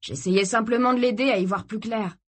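A woman voicing a calm, protective young man who speaks in a measured, placating way. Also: on the high side, pitched above the performer's own voice, close to an everyday voice.

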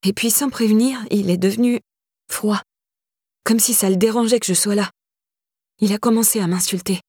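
A woman's voice: mid-range voice, fairly even intonation, moderate pace, warm tone, husky, no echo, studio quality, pitched above the performer's own voice. A woman voicing an anxious young woman questioned by the police, talking in a pleading, rising, panicky way. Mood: aggrieved.

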